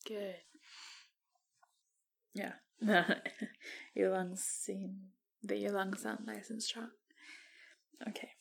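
Husky whispering woman, slow and soft. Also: mid-range voice, flat delivery. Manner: flirtatious, gentle. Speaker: roleplay researcher. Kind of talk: ASMR roleplay.

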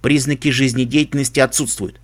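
A metallic, emotionless helmet computer, voiced by a man, reads out terse status reports and word lists in a clipped, flat delivery. Its pitch sits mid-range and unremarkable. It is heard in a storybook-style reading. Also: fairly quick, close to an everyday voice. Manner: terse system announcements and dictionary listings. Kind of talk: audiobook reading of a fan story.

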